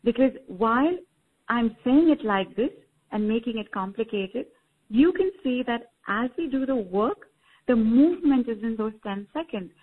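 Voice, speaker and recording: A woman co-hosting a spiritual call-in show, explaining teachings in calm, unhurried phrases. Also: a little high, husky. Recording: tinny phone-like line.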